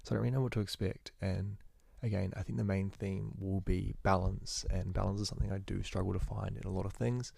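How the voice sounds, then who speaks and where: Young male student, deep monotone with gravel, quick rambling self-corrections, dry close phone recording. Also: dry recording. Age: young adult. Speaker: university student vlogger. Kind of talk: casual spoken journal. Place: indoors at home.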